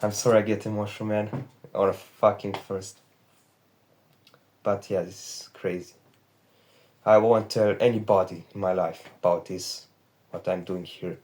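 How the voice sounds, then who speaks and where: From his bedroom, an 18-year-old man from Romania records a confessional trading vlog on his phone's back camera, candid, rambling and profane. He has a Romanian accent and a lowish, slightly mellow voice with fairly even intonation, a measured pace and frequent pauses.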